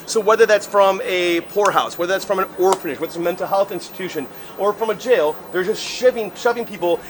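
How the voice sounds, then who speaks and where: A man working as a ghost tour guide, telling stories in an animated, theatrical way with casual, jokey asides. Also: sits high. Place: outdoors on a city street walking tour. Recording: noisy outdoor street ambience.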